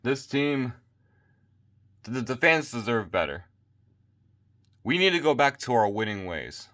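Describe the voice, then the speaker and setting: A man's voice: medium pitch, big pitch swings, unhurried, bright, forceful tone. A man vlogging his sports opinions late at night, tired and losing his voice, rambling and repeating himself into a phone mic. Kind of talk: casual opinion rant.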